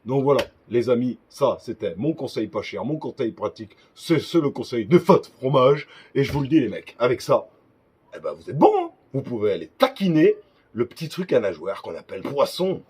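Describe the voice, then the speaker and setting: A man's voice: mid-range voice, big pitch swings, normal speed, darkish tone, breathy edge. A young man talking casually in a gear-advice vlog, chatty and joking with crude asides. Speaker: fishing vlogger.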